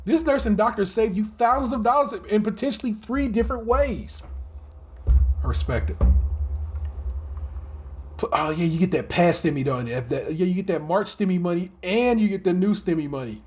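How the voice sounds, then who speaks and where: A man co-hosting a casual podcast, talking in an animated way, laughing often and swearing freely. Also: high voice, moderate pace, breathy edge. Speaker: podcast co-host.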